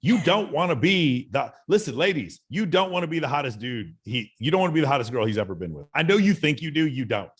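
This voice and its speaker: A man's voice: fairly high pitch, very animated, fast, few pauses, slightly rough. A man talking as a guest on a podcast, telling stories in a blunt, emphatic and profane way. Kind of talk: casual podcast chat.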